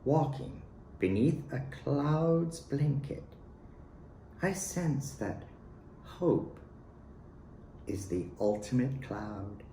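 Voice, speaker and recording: Reciting his own poems with an expressive, dark tone, a man moves slowly and deliberately, pausing theatrically between phrases as his pitch rises and falls sharply line to line. The dramatic reading takes place in a roomy space at home, with audible room echo and a little background noise.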